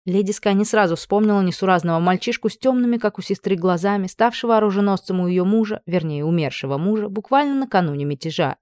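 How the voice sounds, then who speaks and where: A woman narrating a novel as an audiobook in a steady, even storytelling manner. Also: medium pitch, fast talker, few pauses, dry recording, clean studio sound. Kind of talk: scripted narration.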